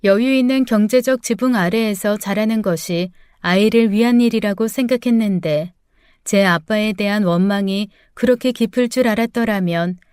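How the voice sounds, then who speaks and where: An older woman narrating a first-person story in a measured, sorrowful way. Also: mid-range voice, darkish tone, smooth, no echo, clean studio sound.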